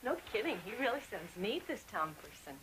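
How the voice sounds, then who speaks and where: A woman's voice: medium pitch, sing-song, brisk, fairly bright tone, slight background noise, poor audio. An actress playing a playful young woman patient in a 1970s TV movie, mocking and jokey. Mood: joking.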